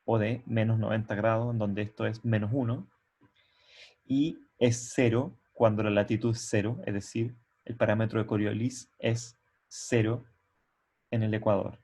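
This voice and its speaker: A man's voice: on the low side, steady tone, darkish tone. A man giving an online university lecture from a computer microphone. He explains step by step, often stops to check that students follow, and restarts his sentences as he thinks. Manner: halting, with frequent restarts. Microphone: computer mic on a video call.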